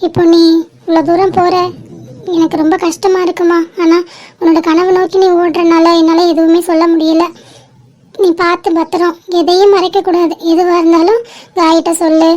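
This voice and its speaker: Young woman, super high voice, pretty flat, tender emotional family drama. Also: normal speed. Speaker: creator voicing family characters. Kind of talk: amateur audio drama.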